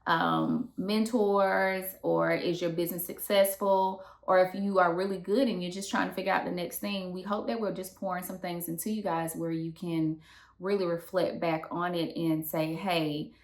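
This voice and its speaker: A woman's voice: lowish voice, level tone, normal speed. A woman co-hosting a business podcast, chatty and upbeat, talking casually with her co-host. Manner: upbeat, chatty, uses y'all. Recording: roomy echo.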